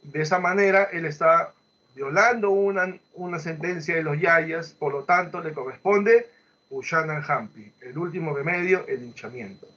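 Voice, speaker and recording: A male literature teacher with a Peruvian Spanish accent retells a folk tale in a storytelling lecture, acting out the quoted voices and checking in with short questions. His voice is fairly high and sharp, at a moderate pace, with lo-fi sound.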